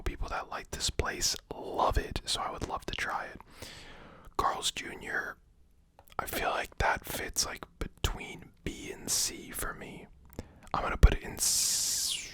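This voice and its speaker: ASMR host, sex open. Fully whispered, bright and crisp-edged delivery, casual and slangy ranking commentary. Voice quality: whispering, mostly unvoiced.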